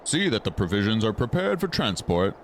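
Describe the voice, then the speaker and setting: A man's voice: fairly low pitch, sing-song, a little fast, a little hiss or hum. A man voicing a regal military commander from a fantasy game in a formal, stately manner. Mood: stately, grave. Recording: game music behind the voice.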